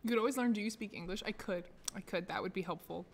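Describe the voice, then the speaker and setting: A woman's voice: medium pitch, fast talker, vocal fry, long reverb tail, slight background noise. An American woman hosting a casual live stream, chatting and laughing often as she pokes fun at herself. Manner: laughs often, self-deprecating. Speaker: streamer host. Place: office.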